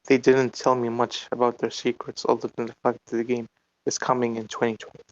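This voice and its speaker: A man's voice: medium pitch, monotone, a little fast, lo-fi sound. A man talking through a voice changer, giving curt, unbothered answers as the interviewee. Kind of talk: casual online interview.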